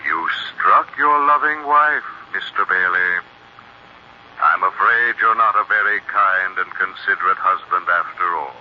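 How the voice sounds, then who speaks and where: The Shadow, mocking crime-fighter on old radio. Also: male voice, low voice. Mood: commanding. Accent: American. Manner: deliberate, taunting, theatrical delivery. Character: suave invisible crime-fighter, mocking, menacing, commanding. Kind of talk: 1940s radio mystery acting. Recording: muffled, noisy 1940s radio recording.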